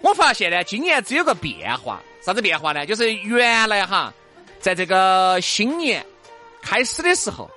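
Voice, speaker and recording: A woman's voice: mid-range voice, very animated, moderate pace, bright, forceful tone, faint music behind. A woman with a Sichuan accent, co-hosting a show in casual, teasing, playful banter. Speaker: co-host.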